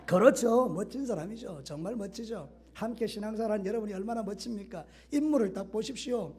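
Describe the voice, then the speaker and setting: A middle-aged male pastor preaching a sermon, swinging from loud exhortation to soft asides. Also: sits high, fast. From Korea.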